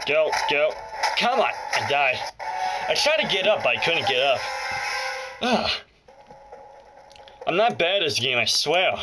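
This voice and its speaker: Very animated yet a little slow, with frequent pauses, a man with a slightly high voice delivers jokey let's play commentary in a low-quality recording. Loud music and sounds from a handheld game cover his voice as he mutters and exclaims to himself.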